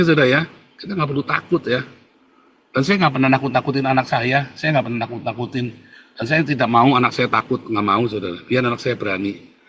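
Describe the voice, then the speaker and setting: A man in a bright, sharp voice. He rants directly at his viewers, repeating his points again and again with defiant emphasis and an occasional laugh. A faint hiss of background noise sits under his voice. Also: medium pitch. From Indonesia. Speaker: vlogger. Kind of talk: ranting monologue to viewers. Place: abroad, not the pictured home country.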